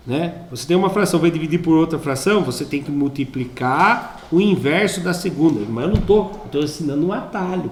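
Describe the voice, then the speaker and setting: In an echoey school classroom, a man with a Brazilian Portuguese accent runs a math class in a playful, talkative way, asking students questions while solving problems. His voice is a little high, with slight background noise.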